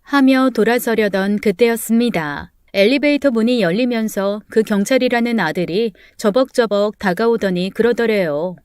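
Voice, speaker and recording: A woman's voice: fairly high pitch, normal speed, few pauses, a little mellow, clean tone, dry recording, studio quality. A woman narrating a true-life story in a plain, gossipy storytelling way.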